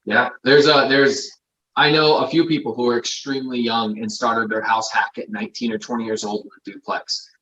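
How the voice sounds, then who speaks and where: 30s guy, mid pitch, sure of himself, walks through the numbers, muffled lo-fi audio. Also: flat delivery, moderate pace, pushed and bright, slight background noise. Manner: confident, explanatory, numbers-focused. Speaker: guest investor. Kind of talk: casual interview. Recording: dull lo-fi audio.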